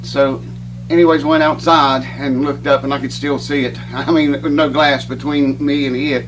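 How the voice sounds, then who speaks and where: A man's voice: medium pitch, little pitch movement, normal speed, music in the background. A middle-aged man chatting casually to his viewers, folksy and rambling and out of breath. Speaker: vlogger. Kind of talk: casual chat to camera. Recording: distant mic with clear hum.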